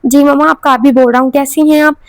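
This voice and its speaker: A woman's voice: sits high, steady tone, fast talker, no echo. A woman voicing a friendly, teasing young man calling his mother. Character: young man, cheerful son returning home.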